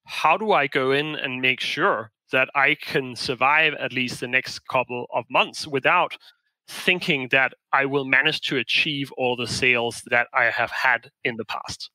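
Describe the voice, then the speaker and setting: A man's voice: mid-range voice, unhurried, bright, forceful tone, no echo, rough recording. A man from Denmark, a management consultant, answering interview questions in a thoughtful, explanatory way with frequent restarts.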